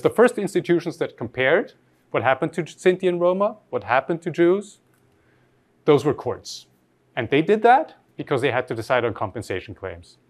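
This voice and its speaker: With a slightly high voice, this Austrian man delivers a thoughtful academic lecture. He regularly rephrases partway through sentences and asks his audience questions.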